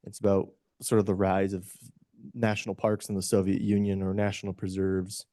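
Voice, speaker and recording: A man's voice: low voice, level tone, normal speed, mellow, no room sound, studio quality. A man from the audience asking a long, rambling question at a conference session, full of fillers and restarts.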